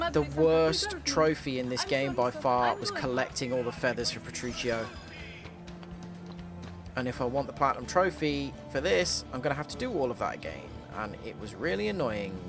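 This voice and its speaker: A man's voice: medium pitch, normal speed. A man from Britain giving chatty, joking let's-play commentary. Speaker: streamer. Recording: commentary over game music.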